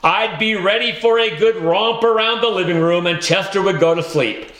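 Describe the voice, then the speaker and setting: A man's voice: high-pitched, normal speed, fairly bright tone, roomy sound, low-quality recording. A man narrating a children's audiobook in the first person, with a wry storytelling manner.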